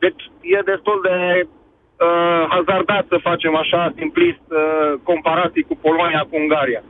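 A man calling in to a radio show from the road, speaking haltingly with many fillers and restarts. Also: a little high, lively intonation. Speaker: caller. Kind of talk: call-in opinion. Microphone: phone while on the road. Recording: tinny phone line with road noise. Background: faint vehicle noise.

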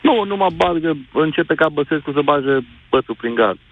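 A man calling in to a radio show with a political opinion, halting and searching for words. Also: on the high side, animated. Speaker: caller. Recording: dry tinny phone line.

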